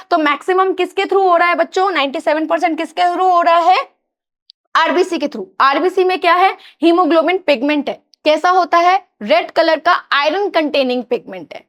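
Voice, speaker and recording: With a high, bright voice and an Indian accent, a woman lectures a biology class. She often calls her students "children," poses questions to them and answers them herself, and patiently goes over the same points again and again.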